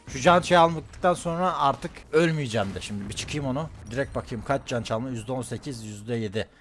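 Excitable man shouting gameplay commentary. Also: medium pitch, a little hiss or hum. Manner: excitable, shouting and repeating words in bursts. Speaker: streamer.

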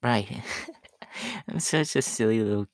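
A man voicing a shy, gentle young catboy in a soft, hesitant ASMR role-play for an audio story. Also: medium pitch, sing-song, slow, dry recording. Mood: bashful, grateful. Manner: hesitant, bashful, soft-spoken with nervous giggles.

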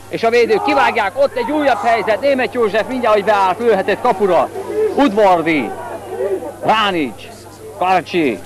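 A man giving excited football commentary, bursting into shouts as chances come. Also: high-pitched, poor audio. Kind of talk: excited Hungarian sports commentary. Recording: amateur 1990s video, crowd noise. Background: crowd.

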